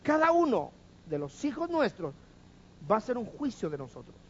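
A man's voice: sits high, huge pitch swings, normal speed, lo-fi sound, a little hiss or hum. A man preaching a sermon, firing rhetorical questions at the congregation and having them repeat after him.

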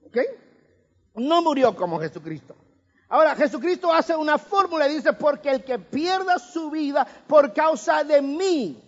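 Male preacher with a very high voice, emphatic and humorous, in an echoing church hall. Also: lively intonation, a little slow. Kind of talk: sermon. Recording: reverberant hall, dull lo-fi sound.

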